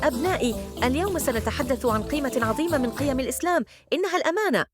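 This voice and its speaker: A woman voicing a kind, gentle female schoolteacher in a children's story, speaking in an encouraging, praising tone. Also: high voice, expressive, rapid-fire, over music, pitched above the performer's own voice. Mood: gently encouraging. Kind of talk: storybook character voice.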